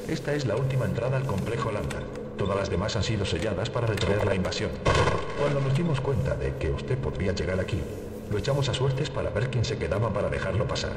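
A formal male scientist, played by an actor from a video game dub. He explains apologetically in a lowish voice. The sound is distant and reverberant, with noise. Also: close to an everyday voice. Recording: echoey, distant, noisy game audio.

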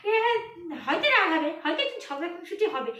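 A woman vlogger chatting casually with her viewers, animated and teasing. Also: very high voice, fast, roomy sound. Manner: animated, scolding and teasing by turns. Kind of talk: casual vlog chat addressed to viewers.

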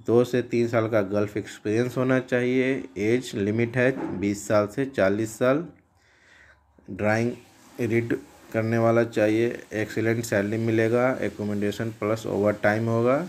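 A man with a somewhat low voice reads job advertisements aloud like a checklist. His delivery is steady and plain as he moves through trades, numbers and requirements. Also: measured pace, slight background noise. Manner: steady list-like reading of trades and figures. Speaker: job listings channel host.

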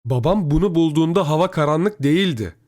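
A man's voice: fairly high pitch, animated, a little fast, darkish tone, pitched above the performer's own voice, close to an everyday voice. A tense scared young man, voiced by a man. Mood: urgent. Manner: urgent, tense.

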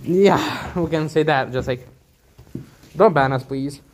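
A young vlogger wanders a large abandoned factory with a handheld camera, chatting and explaining the sights. His voice sits on the high side and he talks slowly, with a little hiss or hum on the recording.

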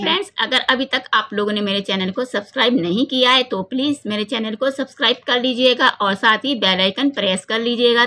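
A woman's voice: medium pitch, pushed and bright. A woman filming a shopping vlog in a store, steadily listing the price of each item and calling her viewers friends. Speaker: shopping vlogger. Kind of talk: casual product walkthrough. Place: indoors, large retail store.

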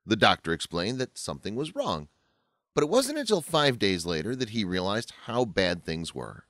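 A man narrates a scripted story with a lowish voice that rises and falls a lot. The recording is close and dry, with no room sound. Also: wildly swooping pitch, moderate pace, fairly bright tone, no echo.

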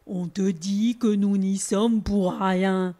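A woman's voice: mid-range voice, steady tone, slow, mellow. A woman voicing flustered dam guards from a storybook, defensively explaining they are not to blame. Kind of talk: storybook reading aloud.

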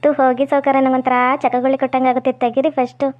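A young woman with a North Karnataka Kannada accent playing a spirited unmarried village woman who talks back quickly. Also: high voice, level tone, lightly acted. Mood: protesting. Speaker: actor in a village skit. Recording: dull lo-fi audio.

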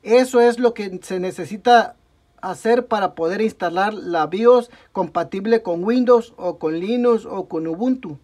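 A young Mexican tech tutorial host, heard through a bench mic, speaks at a measured pace in a high, slightly mellow voice with a Mexican Spanish accent. Working at an indoor desk workbench, he narrates a step-by-step repair, sprinkling in "ok, amigos" and correcting himself often.

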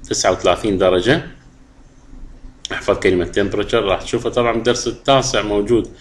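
A middle-aged man with an Iraqi Arabic accent teaching a lesson. He reads English phrases slowly and deliberately, then explains them. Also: on the low side. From Iraq.

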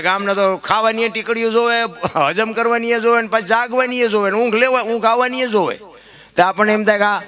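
A man giving a preachy dayro folk discourse to an audience. His voice often climbs into emotional, high-pitched outbursts. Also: bright, forceful tone. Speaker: dayro storyteller.

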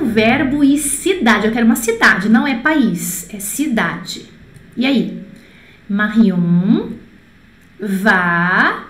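High-voiced chatty woman teaching French. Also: fairly bright tone, reverberant. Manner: chatty, reads out student answers and corrects them; slows down to model French pronunciation. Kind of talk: live online language lesson.

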